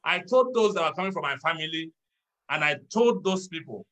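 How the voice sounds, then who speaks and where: A man, a pastor, teaching in a church talk show, measured and stressing key words. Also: on the high side, lively intonation, fairly bright tone, poor audio.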